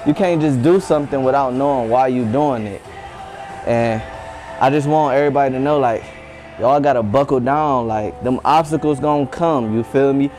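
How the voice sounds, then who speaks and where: A man's voice: medium pitch, moderate pace, a little mellow, soft background music. A young American man giving a casual, slangy motivational talk to camera, repeating his catchphrase. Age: young adult. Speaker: fitness vlogger giving motivation. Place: small wood-panelled indoor room.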